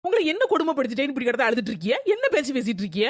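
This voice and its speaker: A woman's voice: fairly high pitch, sing-song, rapid-fire, no room sound, studio quality. Woman playing an indignant young daughter-in-law. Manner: indignant, arguing back.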